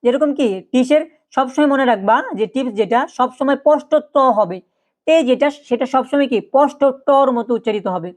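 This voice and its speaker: A woman's voice: high voice, a little fast, a little mellow. Woman patiently teaching pronunciation. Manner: explains step by step, repeating words and saying "yes" often. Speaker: language teacher. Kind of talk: spoken pronunciation lesson.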